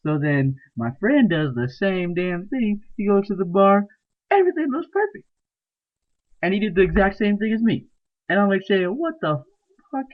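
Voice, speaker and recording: Man for a crude comic rant. Swears and mocks constantly, slightly high voice, thin phone-quality audio. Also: sing-song, moderate pace. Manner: profane, ranting, mocking. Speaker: storyteller. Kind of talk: comedic ranting monologue. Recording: tinny phone-like recording.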